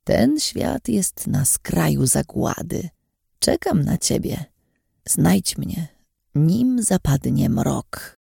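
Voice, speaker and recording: A woman voicing an old female seer with a hoarse, rasping voice, speaking slowly in a hushed, trance-like way. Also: sits low, wildly swooping pitch, no room sound, studio quality, exaggerated voice. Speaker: audiobook character.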